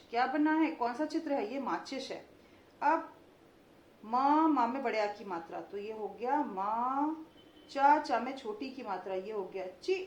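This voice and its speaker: Woman teacher, children's phonics lesson, slow syllables, slightly high voice, echoey room. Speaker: Hindi teacher. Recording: echoey room with faint ambient noise.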